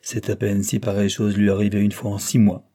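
A man reads a classic novel aloud at a steady, measured pace. His voice sits low and mellow, with a slightly husky edge. The delivery is calm and literary. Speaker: audiobook narrator. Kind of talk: scripted narration.

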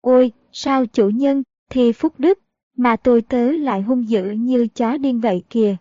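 A woman's voice: on the high side, measured pace, warm tone, no room sound. A woman voicing a mocking old male beggar who is secretly a master fighter, in a sly, scolding way. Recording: dull, dry audiobook recording.

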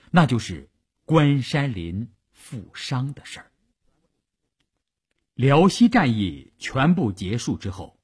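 A man's voice: mid-range voice, a little mellow, breathy edge. A man narrating a long radio story in a dramatic, strongly varied delivery.

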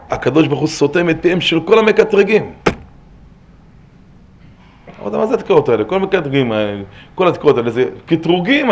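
A middle-aged man giving an impassioned religious lesson as a rabbi, swinging from hushed pleading to loud exhortation and repeating words for emphasis. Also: medium pitch, a little hiss or hum.

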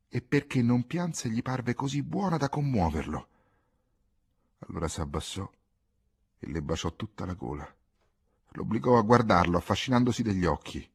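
A man narrating a literary novel as an audiobook, measured and expressive, often dropping to a hush. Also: lowish voice, creaky, husky. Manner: measured, expressive reading that drops to near-whispers. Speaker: audiobook reader.

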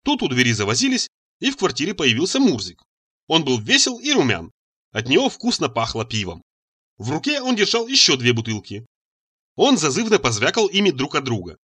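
A man's voice: fairly high pitch, wildly swooping pitch, fairly quick, sharp tone, breathy edge. A man reading a story aloud as the narrator, expressively acting out the dialogue. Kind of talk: audiobook reading.

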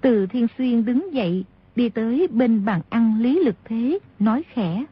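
A woman narrating a martial-arts novel in a steady storytelling voice. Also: on the high side, a little slow, breathy edge. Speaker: audiobook narrator. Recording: dull lo-fi audio.

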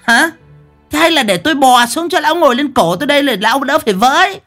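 A man voicing the bossy, shrill wife of a village chief, scolding her lazy husband with sarcastic nagging. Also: lively intonation, fast, fairly bright tone, soft background music.

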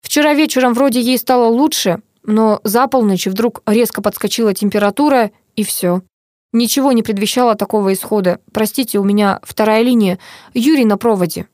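A woman reading the part of a flustered male head doctor who shouts and snaps at times. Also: fairly high pitch, fairly quick, no room sound, studio quality, natural voice. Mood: shaken. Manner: shouting, flustered, then curt. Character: agitated middle-aged male head doctor.

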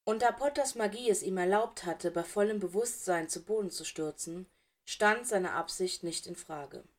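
A woman's voice: mid-range voice, moderate pace. Woman reading a dramatic audiobook. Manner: dramatic, emotive narration. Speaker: audiobook reader. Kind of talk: expressive fan fiction reading.

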